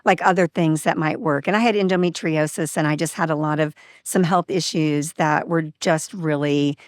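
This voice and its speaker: A woman with a deep voice speaks at a moderate pace in a studio-quality recording without echo. As a podcast guest, she tells a personal story casually and openly, animatedly acting out what people said.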